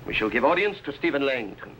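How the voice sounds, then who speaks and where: A man's voice: medium pitch, lively intonation, fast, sharp tone. An actor playing a haughty, scheming King of England, speaking formally and imperiously in 1950s television drama style. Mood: haughty, menacing. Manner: imperious, formal royal speech. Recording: faintly noisy old TV soundtrack.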